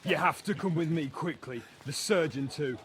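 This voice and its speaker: An actor voicing a frantic messenger in a video game, pleading with urgency. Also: male voice, fairly high pitch, normal speed, very noisy, close to an everyday voice. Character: frantic messenger begging for help.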